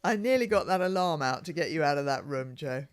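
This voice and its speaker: Playful woman co-host, lively voice. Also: deep voice, fairly quick, slight background noise. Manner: playful, teasing. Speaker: podcast co-host. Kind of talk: casual chat.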